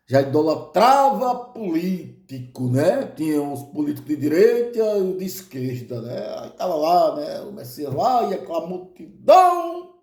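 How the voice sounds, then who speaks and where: A Brazilian man with a Brazilian Portuguese accent, telling a comic story and chuckling often as he fills his pauses with "né". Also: a little high, a little mellow, roomy sound.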